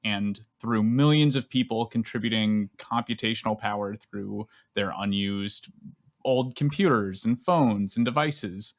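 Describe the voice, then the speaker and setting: A man's voice: on the low side, measured pace. A man who is a podcast producer, earnestly setting up a long question for a guest with some fillers. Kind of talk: reading a prepared question.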